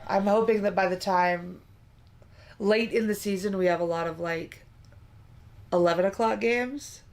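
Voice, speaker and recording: A tired woman in her thirties with a gravelly, fry-heavy voice. She talks in a dry, teasing way, mid-range in pitch. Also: measured pace. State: tired, yawning. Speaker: livestream co-host. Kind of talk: casual chat.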